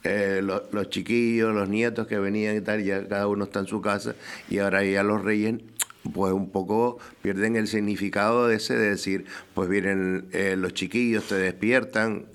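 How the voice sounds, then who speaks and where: A man's voice: on the low side, flat delivery, moderate pace, clear, resonant tone. A man on a roundtable panel, easygoing and hesitant, often restarting his sentences. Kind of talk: casual roundtable chat.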